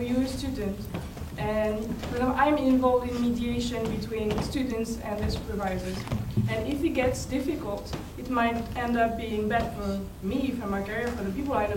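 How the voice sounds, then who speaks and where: A woman's voice: fairly high pitch, fairly even intonation, moderate pace, few pauses, noisy background. A woman speaking in a rambling way with loose restarts during a discussion. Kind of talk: panel discussion. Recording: echoey room mic from a distance.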